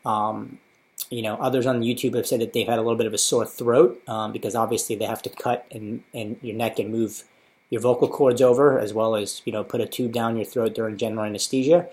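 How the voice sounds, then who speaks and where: A man's voice: medium pitch, fairly even intonation, fairly quick, darkish tone. A man in his thirties with an American accent, talking casually and matter-of-factly in an informative personal video diary. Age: 30s. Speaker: patient sharing his surgery experience.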